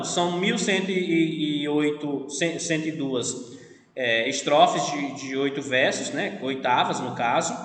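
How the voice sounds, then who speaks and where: A man's voice: on the high side, sharp tone. A male literature teacher with a Brazilian accent, lecturing an online class patiently and often checking in with his students. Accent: Brazilian Portuguese. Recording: echoey room with long reverb.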